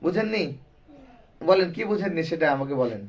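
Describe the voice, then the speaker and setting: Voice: mid-range voice, animated, a little fast, distant mic, dull audio. A Quran recitation teacher giving a classroom lesson, drilling the students with repeated questions and call-and-response.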